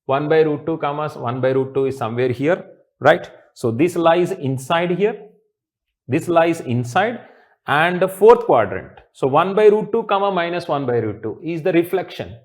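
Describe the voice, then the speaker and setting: Indian-accented male maths teacher, slightly high-pitched. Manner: repeats phrases, checking in with students. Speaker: mathematics teacher. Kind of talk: lecture at a board. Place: indoor teaching studio with blackboard.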